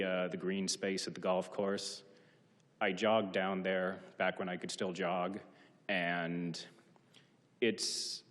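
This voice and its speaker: A man with a very low voice delivers a formal public comment, short of breath as he argues his points. His prepared remarks ring out with the long reverb of a council chamber. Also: fairly bright tone. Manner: formal, argumentative. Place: large indoor council chamber. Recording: reverberant hall sound.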